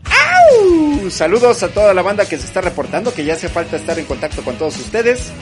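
Animated, teasing Mexican male co-host. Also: on the high side, quick pace, over music. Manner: slangy, teasing. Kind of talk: casual joking chat.

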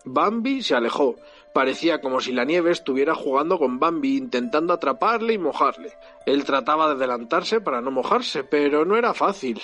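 A father reading a storybook aloud to his child with animated, expressive delivery. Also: fairly high pitch, a little fast, soft background music.

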